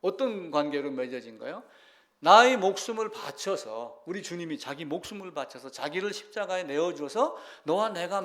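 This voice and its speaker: A man preaching a sermon as pastor, reading scripture aloud and asking the congregation questions. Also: fairly high pitch.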